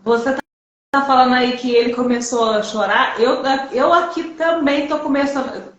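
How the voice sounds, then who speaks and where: A woman hosting a casual video-call conversation, speaking haltingly and pausing to search for words, heard through echoey, muffled call audio. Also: high voice, fairly bright tone. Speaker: host.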